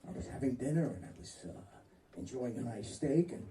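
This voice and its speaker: A man doing a low, mumbling voice as a sheepish jailed male friend pleading innocence, on a live stage recording. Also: lively intonation, fairly quick, roomy sound, very noisy, close to an everyday voice. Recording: live club, far mic, crowd laughs.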